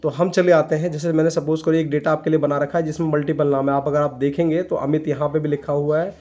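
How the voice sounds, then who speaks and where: A man's voice: a little high, flat delivery, fast talker, mellow. Man explaining a spreadsheet tutorial. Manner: explains step by step, mixing English terms into Hindi, often says "ठीक है". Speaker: computer tutor. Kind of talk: screen-recorded software tutorial.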